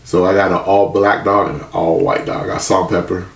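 A man's voice: sits low, level tone, brisk, gravelly. A man in casual podcast chat, swearing freely and telling loose stories. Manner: loose, profane, storytelling. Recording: roomy echo, faint hiss.

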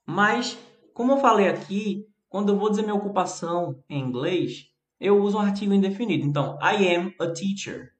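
A man's voice: high-pitched, expressive, fairly quick. A man with a Brazilian Portuguese accent, an English teacher giving a chatty live-streamed lesson and answering viewers by name. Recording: roomy echo.

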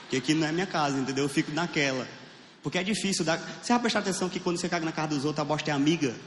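Brazilian guy doing stand-up, kinda high voice, laughing at his own gross jokes, big echoey hall w noise. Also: rapid-fire. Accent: Brazilian Portuguese. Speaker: stand-up comedian. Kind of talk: stand-up comedy set. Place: theater stage with live audience.

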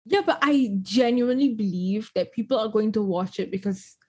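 A woman's voice: mid-range voice, breathy edge. Chatty young woman with a lisp. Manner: chatty and expressive, quick asides. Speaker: podcast host. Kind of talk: casual chat.

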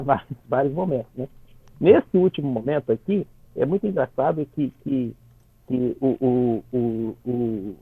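A medium-pitched, slightly rough voice with vocal fry belongs to a Brazilian Portuguese-accented conductor chatting on the radio about classical music in cartoons. He keeps restarting phrases, tags them with quick questions, and laughs while explaining. The phone line is dry and tinny, with no echo.

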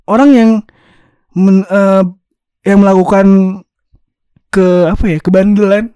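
High-voiced young man using Jakarta slang. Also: level tone, a little slow, warm tone, clean tone, no echo, studio quality. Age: young adult. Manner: Jakarta slang, swears casually. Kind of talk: casual podcast chat.

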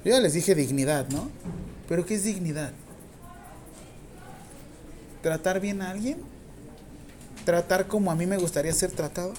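A woman with a Mexican accent teaching a nursing class, talking casually with slang, dictating slowly and firing questions at the students. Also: lowish voice, darkish tone, a little hiss or hum. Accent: Mexican Spanish. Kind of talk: classroom lecture.

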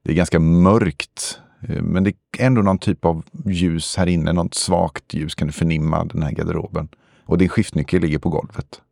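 A man narrating a tabletop role-playing game as game master, describing scenes slowly with pauses and fillers. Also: deep voice, fairly even intonation, gravelly, a little mellow, dry recording, studio quality.

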